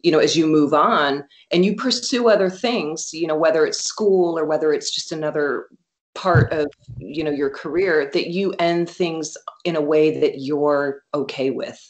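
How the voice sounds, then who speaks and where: A woman in her thirties from the United States, talking as an interview guest in an earnest, animated way with many fillers. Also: low voice, moderate pace. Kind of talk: casual interview chat.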